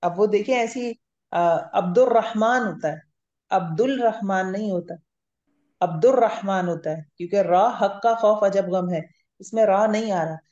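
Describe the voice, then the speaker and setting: A woman's voice: medium pitch, normal speed, a little mellow. A woman teaching grammar in a class. She explains step by step, patiently, and often checks that her students understand. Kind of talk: classroom lecture. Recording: roomy, slightly muffled lo-fi recording.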